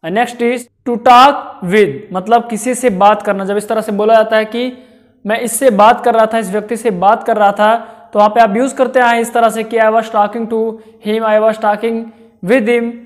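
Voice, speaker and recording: A man giving a spoken-English lesson who repeats himself and slowly draws out each example phrase. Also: high-pitched, little pitch movement. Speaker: English teacher.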